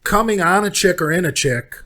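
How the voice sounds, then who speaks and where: Guy on a podcast, kinda high voice, loud and crude, laughing a lot. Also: animated, fairly quick. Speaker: podcast guest. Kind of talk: crude casual banter.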